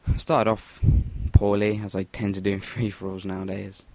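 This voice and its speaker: A man's voice: lowish voice, little pitch movement, normal speed, a little mellow, no room sound. A young English man giving rambling, sweary voice-over commentary on a shooter game into a cheap USB mic. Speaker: gameplay commentator. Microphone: Rock Band USB mic.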